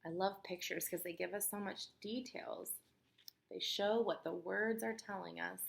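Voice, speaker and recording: A woman teacher reading aloud to young children in an expressive, instructive way, putting questions to the listener. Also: mid-range voice, measured pace, creaky.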